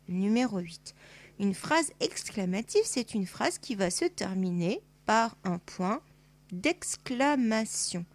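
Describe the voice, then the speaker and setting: A woman primary school teacher talking a young pupil through worksheet exercises, patient and sing-song, drawing words out for a child. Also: medium pitch.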